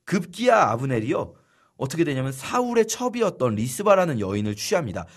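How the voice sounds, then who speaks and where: Lively Korean man teaching a Bible lesson. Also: mid-range voice, brisk. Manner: lively storytelling, acting out quoted lines. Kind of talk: Bible study lesson for radio.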